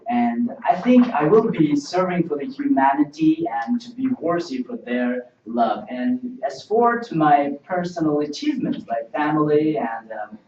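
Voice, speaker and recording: In a practice job interview, a young adult man who grew up speaking Uzbek answers cautiously in rehearsed English, leaning on lots of fillers. His slightly mellow voice is on the high side and animated, a little slow with few pauses. The audio is distant, roomy, dull and lo-fi.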